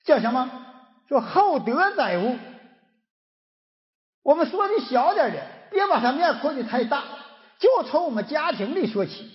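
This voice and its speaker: Northeastern Mandarin man, folk-healer lecturer, very high and lively voice, dull recording, long hall reverb. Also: a little fast. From Northeast China. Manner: animated storyteller who acts out dialogue. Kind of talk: storytelling lecture.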